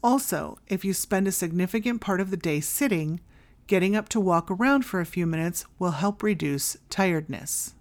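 On her solo advice podcast, the host reads a script in a somewhat low voice, animated and at a moderate pace. She keeps things neat and instructional, giving her advice in brief, clear directives.

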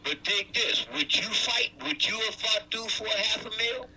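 A man's voice: sits high, steady tone, normal speed, pushed and bright, slight background noise, poor audio. A man in his sixties, a regular on a casual podcast, talking loosely and emphatically over a video call. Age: 60s. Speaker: co-host.

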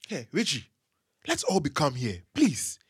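An actor playing a pastor, a husky, pleading peacemaker who sounds preachy. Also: male voice, fairly high pitch, wildly swooping pitch, a little slow, no room sound, clean studio sound, exaggerated voice.

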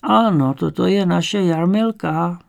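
A male narrator voicing a frail, bedridden old grandmother who speaks slowly and weakly, resigned to everything. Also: lowish voice, vocal fry, darkish tone, voice pushed up. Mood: weak, plaintive. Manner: slow, weak, plaintive.

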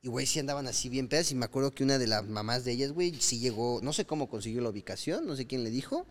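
A man's voice: medium pitch, lively intonation, rapid-fire. A man with a Mexican accent in casual podcast chat, telling stories full of slang and acting out the quoted lines of people in them. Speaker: podcast co-host.

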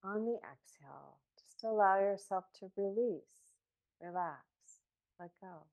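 A woman podcast host leading a guided breathing meditation in a calm, meditative manner. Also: medium pitch, unhurried.

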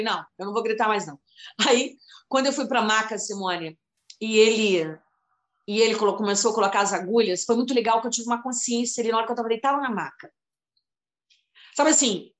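A woman's voice: fairly high pitch, roomy sound. Chatty woman in her fifties, emotional storytelling. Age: 50s. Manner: emotional, rambling, addresses the other by name often. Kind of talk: casual conversation about healing and spirituality.

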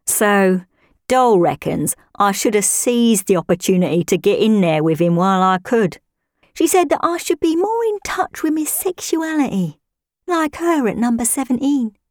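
A woman playing a nosy, gossiping married woman who spies on her neighbour, chatty with dry deadpan asides. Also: medium pitch, no room sound. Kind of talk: comic character monologue.

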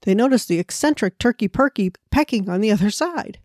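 A woman's voice: medium pitch, animated, a little fast, a little mellow, dry recording, studio quality. A woman hosting a devotional podcast, speaking in an earnest, prayerful way and narrating a children's story. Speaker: podcast host.

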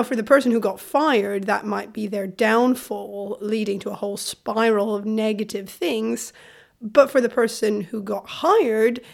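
A woman from Sweden co-hosting a podcast in a conversational way, her voice gravelly from a cold. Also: fairly high pitch. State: has a cold. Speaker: podcast co-host.

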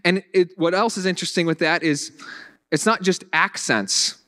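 A man's voice: sits high, moderate pace, pushed and bright. A man with a Southern accent preaching a conversational sermon, often repeating words as he restarts his sentences and dropping in dry humor. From Virginia. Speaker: pastor.

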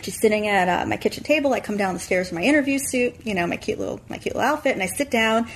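Woman guest, casual interview storyteller, animated, some quiet hiss behind. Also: medium pitch, fast. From Long Island, New York. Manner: animated, acts out quoted dialogue.

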